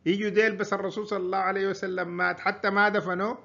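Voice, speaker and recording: A man's voice: sits high, flat delivery, racing, vocal fry, pushed and bright. Sudanese man giving a lo-fi lecture. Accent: Sudanese Arabic. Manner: conversational, explains and repeats points. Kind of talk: informal history lecture.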